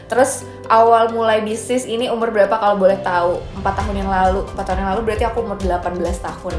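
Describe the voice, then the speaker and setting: An Indonesian brand founder in her twenties answers viewer questions in a casual, upbeat, chatty way, slipping in English phrases. Her medium-pitched voice is steady in tone and fast. The room is echoey, with soft music playing.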